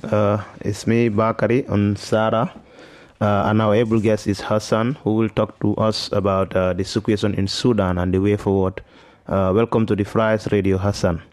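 A man's voice: lowish voice, level tone, moderate pace, darkish tone. A man hosting a community radio interview, opening with frequent hesitant fillers. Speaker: radio host.

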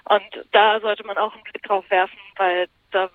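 A woman's voice: medium pitch, level tone, moderate pace. A woman journalist answering interview questions in a thoughtful way, searching for her words as she talks. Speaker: journalist and columnist, interview guest. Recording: tinny phone line.

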